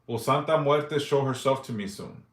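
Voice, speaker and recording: A man's voice: mid-range voice, normal speed, echoey room. Profane man in his forties on a live stream. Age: 40s. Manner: loose and profane, reads comments aloud and answers briefly. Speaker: livestream host answering yes-or-no questions. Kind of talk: casual livestream chat reading viewer questions.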